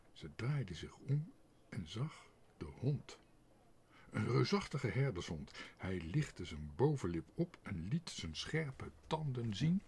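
A man reading a children's book aloud, expressive and sometimes dropping to a whisper. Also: on the low side, breathy edge. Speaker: narrator.

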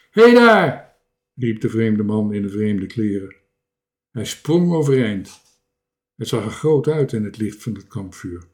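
A man reading a children's storybook aloud as narrator. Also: on the low side. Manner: slow, even storybook reading.

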